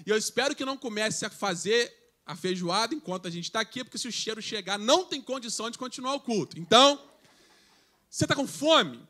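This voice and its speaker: A man's voice: sits high, expressive, fairly quick, bright, forceful tone. A man preaching a sermon to a youth service, conversational, reading scripture aloud and joking with the congregation. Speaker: pastor. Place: church service.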